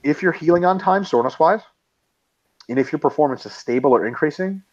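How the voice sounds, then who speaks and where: A man's voice: on the high side, expressive, a little fast, darkish tone, lo-fi sound. A man co-hosting a casual webinar Q&A, reading out listener questions and answering them bluntly with plenty of swearing. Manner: blunt, emphatic, swears freely.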